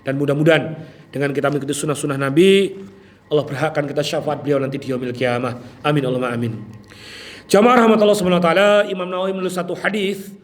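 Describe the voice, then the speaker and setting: High-voiced lively male preacher. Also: fast talker. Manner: lively, jokey, keeps addressing listeners with "Pak". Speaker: Islamic preacher. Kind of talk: sermon.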